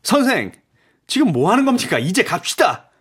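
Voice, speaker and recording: A man voicing an agitated, impatient young nobleman in an audiobook drama, speaking urgently and excitedly. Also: fairly high pitch, normal speed, voice pushed up, close to an everyday voice.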